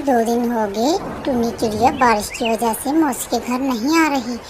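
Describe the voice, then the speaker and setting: A woman's voice: fairly high pitch, noisy background, lightly acted. A woman voicing a scheming female crow in a cartoon, sly and cowardly, begging when caught.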